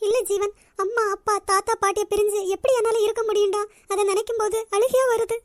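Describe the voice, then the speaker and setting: A tender young cartoon heroine, voiced by a woman, speaking in a very high, emotional, pleading voice. The sound is dry and close. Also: fairly even intonation, quick pace, dry recording. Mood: tearful.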